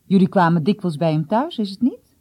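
A woman's voice: on the low side, very animated, brisk, dark tone, no echo. A woman voicing a stern, cool middle-aged father who questions his son seriously.

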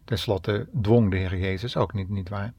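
Gravelly, husky-voiced man preaching earnestly. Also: deep voice, steady tone, normal speed, darkish tone, no echo. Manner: earnest, addresses the listener directly. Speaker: radio preacher. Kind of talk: devotional radio message.

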